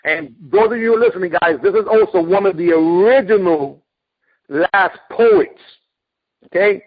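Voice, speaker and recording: A man hosting a casual radio interview, telling stories with lively acted-out quotes. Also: high voice, a little slow. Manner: animated storyteller, acts out quotes. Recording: phone-like radio audio.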